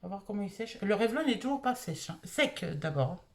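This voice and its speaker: A woman's voice: medium pitch, lively intonation, fairly quick. A married woman from France, casually reviewing beauty products she bought and thinking aloud with lots of fillers. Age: adult, married. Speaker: beauty vlogger.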